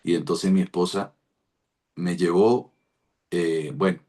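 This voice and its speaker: A man's voice: low voice, fairly even intonation, slow, warm tone. A man, a pastor, telling a rambling devotional testimony over a video call. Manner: rambling storytelling with restarts.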